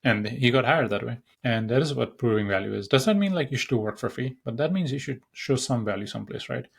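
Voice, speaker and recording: A man's voice: mid-range voice, fairly quick, gravelly, slightly rough. A young man from Nepal hosting a solo podcast, talking casually and rambling with many fillers and restarts. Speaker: podcast host.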